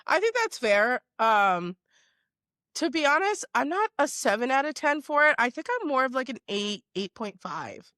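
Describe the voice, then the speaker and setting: A woman's voice: sits high, big pitch swings, normal speed, a bit bright, no echo, studio quality. Upbeat chatty woman podcast host, lilt. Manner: chatty, filler-heavy, upbeat. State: hoarse, under the weather. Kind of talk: casual podcast chat.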